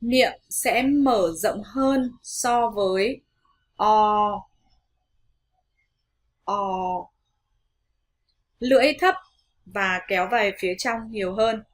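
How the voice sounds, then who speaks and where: A woman with a Vietnamese accent teaching English pronunciation in an online lesson, politely addressing viewers and modelling words slowly and carefully. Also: a little high.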